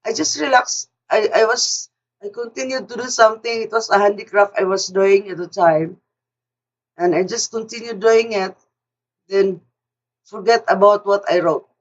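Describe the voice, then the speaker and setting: A woman's voice: medium pitch, steady tone, normal speed. An older woman casually telling a personal story, often repeating words and restarting her sentences. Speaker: speaker sharing a personal story. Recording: distant mic, dull lo-fi sound.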